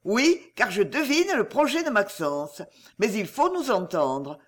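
An anguished wife pleads in a raised, trembling voice, put on by a male audiobook reader. The voice is pitched high and swings widely. She sounds close to tears. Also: sing-song, unhurried, heavily acted. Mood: hopeful. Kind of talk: audiobook character reading.

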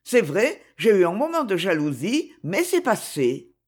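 A coldly composed queen, put on by a narrator, grave and quietly menacing in an audiobook reading. Her lines are pitched above the reader's plain voice and move widely. A faint huskiness runs through them. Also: measured pace. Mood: grave, calm. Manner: grave, calm, sinister. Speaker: character in a read novel.

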